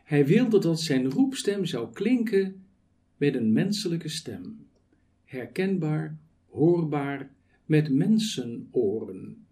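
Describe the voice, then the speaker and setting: A man preaching a sermon with a fairly high, mellow voice that rises and falls with a lot of movement. He speaks very slowly and deliberately, stacking rhetorical questions and measured lists. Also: sing-song.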